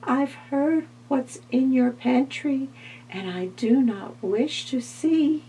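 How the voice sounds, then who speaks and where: A woman voicing a tiny, timid female fly in a read-aloud storybook, pleading in a high, crying, drawn-out voice. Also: dark tone, slight background noise, rough recording. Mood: polite refusal.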